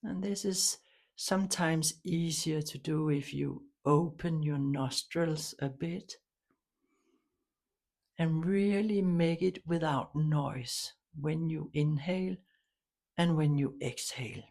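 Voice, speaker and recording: In a low-pitched voice touched with vocal fry, a woman gently guides a meditation, soothing and slow, leaving long pauses between instructions.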